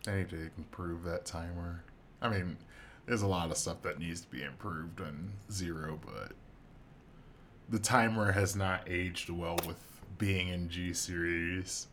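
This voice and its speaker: A man's voice: low voice, steady tone, measured pace, a bit bright, a little hiss or hum. A man co-hosting a podcast about a card game, asking teasing questions in a playful, casual way. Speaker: podcast co-host. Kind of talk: casual chat.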